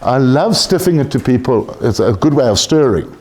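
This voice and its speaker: A man's voice: medium pitch, expressive, moderate pace, darkish tone. A man lecturing a class on tax, blunt and joking, swearing casually.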